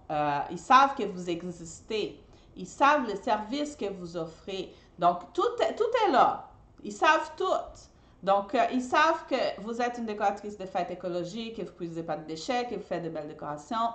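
A woman's voice: mid-range voice, fairly bright tone, echoey room. A woman giving a live teaching talk as the host. She often stops to check in with her listeners and repeats or restarts words as she goes. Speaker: host and trainer.

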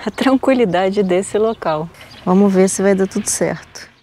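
A woman's voice: mid-range voice, normal speed, dark tone. A woman with a Brazilian Portuguese accent, chatting casually as a travel vlogger on a road trip and teasing her husband. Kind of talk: casual travel vlog narration. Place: on a road trip, in and around a car.

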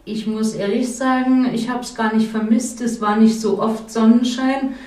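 A woman guest telling a personal story in a soft, dreamy, lyrical way. Her voice sits at a middle pitch, and it comes from a distant mic in a roomy space. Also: steady tone, moderate pace. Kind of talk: reflective personal account. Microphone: far camera.

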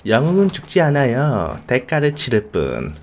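A man commentating his own strategy game, pleading and shouting at his allies and muttering curses under his breath. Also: mid-range voice, huge pitch swings, normal speed, a little hiss or hum. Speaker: game streamer. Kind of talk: gaming commentary.

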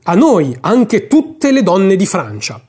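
A man's voice: high voice, animated, normal speed, darkish tone, husky. A man voicing a drunken, arrogant young male officer who taunts and boasts, in a storybook reading. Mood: mocking boast.

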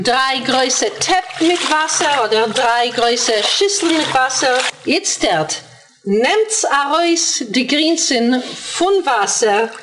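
A woman cooking in a wooden kitchen, giving slow, deliberate step-by-step instructions. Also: high-pitched. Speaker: cook and co-host. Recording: roomy kitchen with running water noise.

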